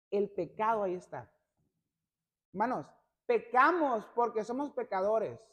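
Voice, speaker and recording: A male pastor preaching a sermon, constantly addressing the congregation as brothers and building to loud, emphatic passages. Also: high-pitched. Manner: peppers every phrase with "hermanos".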